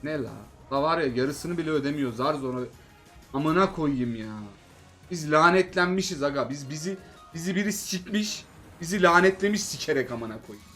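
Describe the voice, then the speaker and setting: A man narrates his slot game live, cursing nonstop and groaning at each losing spin. His voice leaps between low mutters and high excited shouts, with faint music playing behind him. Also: normal speed. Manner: swears constantly, groans and exclaims at each spin; swings between fed-up grumbling and excited shouting.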